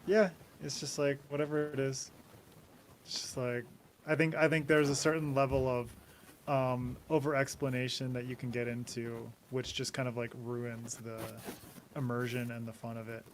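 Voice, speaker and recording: A man's voice: mid-range voice, flat delivery, moderate pace, slight background noise. A man chatting informally and emphatically on a livestream, with playful banter. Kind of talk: casual livestream chat.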